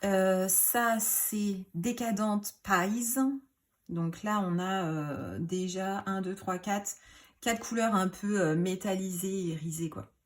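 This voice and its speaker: A woman in casual show-and-tell, chatty and rambling, with many fillers, self-corrections and quiet muttered asides. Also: medium pitch, takes it slowly. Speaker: craft YouTuber.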